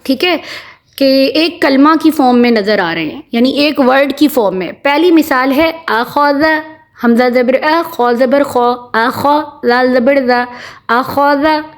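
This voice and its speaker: Lady teaching quran letters, high voice, patient, says each sound over and over. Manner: patient, repeats examples slowly and often checks with "theek hai". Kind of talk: step-by-step recitation lesson.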